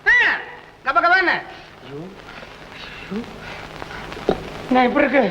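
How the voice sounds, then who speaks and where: An actor playing a chatty, meddling doctor who gossips and teases in quick comic patter. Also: male voice, extremely high pitch, huge pitch swings, bright, forceful tone, a little hiss or hum, exaggerated voice. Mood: teasing. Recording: muffled old film soundtrack with reverb.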